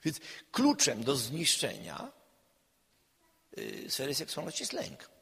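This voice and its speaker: A man, a counselor, giving a public lecture in an emphatic way, swinging between loud and quiet. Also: a little high, wildly swooping pitch, takes it slowly, gravelly, slightly rough. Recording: long hall reverb.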